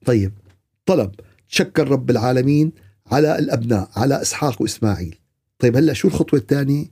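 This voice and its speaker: A man preaching a sermon with fervour, repeating lines for emphasis and slowing on key phrases. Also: mid-range voice, warm tone, slightly rough. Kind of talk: religious sermon.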